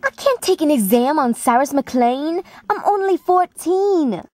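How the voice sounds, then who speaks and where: Woman voicing teenage monster girl, high, sassy, whiny little sister, talking with braces, amateur cartoon reading, dry. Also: lively intonation, a little slow, a little mellow, dry recording. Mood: exasperated.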